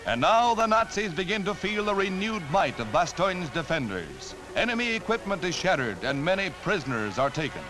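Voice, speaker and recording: A man's voice: sits high, sing-song, moderate pace, few pauses, over loud music, low-quality recording. An American man narrating a scripted 1940s wartime newsreel in a declamatory, dramatic old newsreel delivery on a vintage soundtrack.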